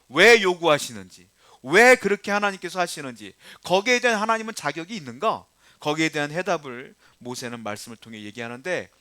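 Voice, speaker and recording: Middle-aged male pastor, conversational sermon delivery with loud emphatic repetition; bright, slightly high voice, dry close recording. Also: dry recording. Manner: conversational preaching, swings between quiet asides and loud emphatic repetition; acts out nagging parents and quoted voices.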